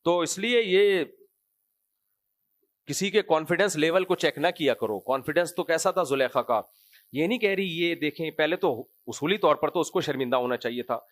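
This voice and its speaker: Animated man giving a fairly high-pitched lecture. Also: no room sound. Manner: animated, conversational, sarcastic asides. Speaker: mufti giving Quran commentary. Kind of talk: sermon-style lecture.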